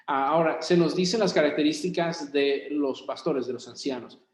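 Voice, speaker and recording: Pastor teaching in an echoey room. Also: male voice, fairly high pitch, moderate pace. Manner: conversational, puts questions to the group. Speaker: pastor leading a young adults Bible study. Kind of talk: interactive Bible study teaching. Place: church meeting room. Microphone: room recording for a video call. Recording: roomy echo.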